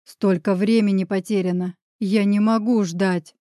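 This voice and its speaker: A woman voicing a shaken young father, speaking slowly and emotionally, in an audiobook. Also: medium pitch, fairly even intonation, dark tone, no echo, studio quality, natural voice. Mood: overwhelmed. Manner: slow, emotional, halting.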